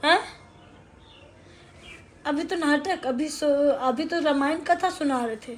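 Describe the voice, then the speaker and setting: A woman's voice: high-pitched, slow pace, reverberant, slight background noise. A woman, a mother filming a family vlog and arguing with her husband in a heated, sarcastic way. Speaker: vlogger, mother.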